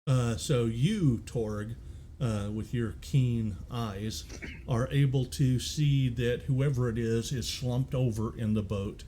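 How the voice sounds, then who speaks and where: A man's voice: medium pitch, mellow, a little hiss or hum. A man narrating a tabletop game as game master, hesitant and full of fillers. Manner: slow, hesitant, many fillers.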